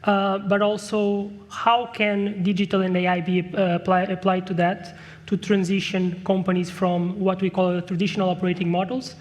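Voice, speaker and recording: A man from Portugal, an account executive, giving an earnest conference presentation on stage with slightly halting phrasing. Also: high voice, little pitch movement. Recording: long hall reverb.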